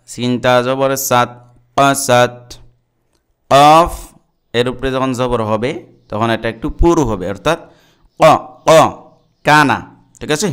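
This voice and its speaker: Slow, clear-voiced man teaching recitation. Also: mid-range voice, a bit bright. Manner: spells out letters and vowels one by one, then chants the words slowly. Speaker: Quran reading teacher. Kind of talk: step-by-step recitation lesson.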